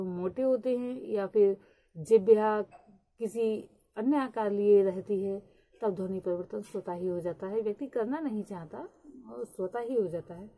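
A woman teaching a lesson at a slow, deliberate pace, with frequent hesitant fillers. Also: mid-range voice, mellow. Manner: reads English definitions very slowly. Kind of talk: lecture.

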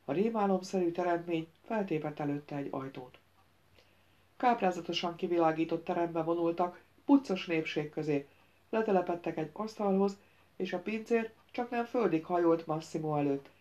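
A woman narrating an audiobook in a steady storytelling manner. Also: on the low side, dull audio. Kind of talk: scripted narration.

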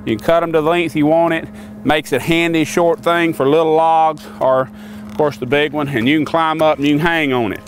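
This older man shows off sawmill tools outdoors, by the sawmill and in a wooded lot, in a folksy, rambling manner full of fillers. He speaks a little fast, with a slightly high voice and fairly even intonation.

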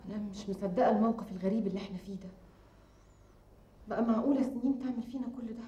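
A woman playing a soft, troubled Egyptian woman. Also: medium pitch, very fast, dull audio, close to an everyday voice. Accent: Egyptian Arabic. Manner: soft, hesitant, confiding. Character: troubled young woman, hurt and unsure. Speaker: actor in TV drama. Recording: roomy TV drama sound.

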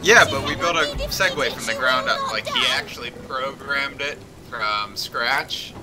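A man's voice: medium pitch, a little slow, rough recording. A young man playing a co-op game, telling rambling stories in a laid-back, self-amused way. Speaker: co-op gameplay commentator. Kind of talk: casual gaming banter.

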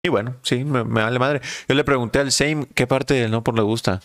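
A man's voice: mid-range voice, fairly even intonation, brisk, a bit bright, no echo, faint music behind. A man chatting and joking casually on a live stream.

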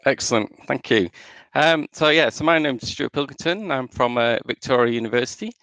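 A man's voice: mid-range voice, lively intonation, moderate pace, a bit bright, no room sound. A man from Northern England, with an accent mixed with Australian and American traces, giving a conversational meetup presentation as an integration manager, with frequent ums. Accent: Northern English with Australian and American traces. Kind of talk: conference presentation.

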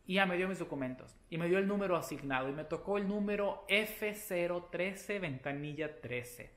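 A man vlogger telling a story to the camera in a casual, chatty way, animated and playful, with sudden loud exclamations. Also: sits high, normal speed, roomy sound. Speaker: beauty vlogger.

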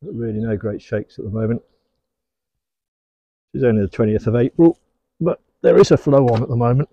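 Working outdoors among the hives of his garden apiary, a middle-aged English beekeeper chats easily about what he's doing and speaks lovingly to his bees. His voice is mid-range and warm, and he talks a little fast. The recording's high frequencies are cut off.

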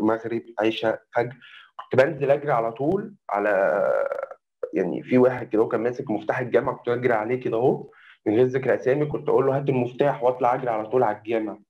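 Fast-talking young Egyptian man, muffled. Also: mid-range voice. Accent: Egyptian Arabic. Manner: rambling, keeps addressing the host as doctor. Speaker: guest telling his conversion story. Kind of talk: personal testimony, casual. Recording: muffled lo-fi audio.

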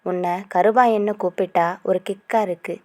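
A woman's voice: mid-range voice, fairly even intonation, moderate pace, a little mellow, dry recording, natural voice. A woman voicing a playful young village woman who talks in a cheeky, teasing way.

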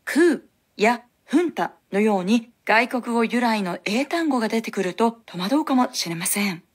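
A woman hosting a language lesson, giving clear, instructive scripted explanations on a studio microphone. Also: on the high side, animated, a little slow.

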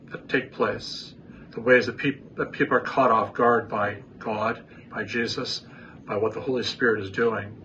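A man in his sixties speaking as a pastor in a casual welcome to camera, with halting, deliberate phrasing, in a small office. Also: on the low side, bright, forceful tone. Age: 60s. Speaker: pastor introducing a worship service. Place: small indoor church office. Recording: dull lo-fi sound with faint room noise.

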